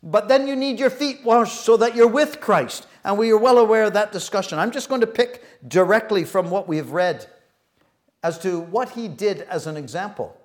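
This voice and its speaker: Earnest man preaching with halting restarts. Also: high-pitched. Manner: swings between soft reflective and loud emphatic. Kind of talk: sermon.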